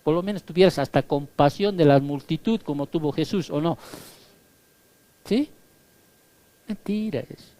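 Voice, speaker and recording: A man's voice: fairly high pitch, normal speed, pauses often, warm tone. A male pastor preaching a sermon emphatically, often tagging his points with rhetorical questions. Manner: emphatic, peppers lines with rhetorical "¿sí?"; acts out quoted voices.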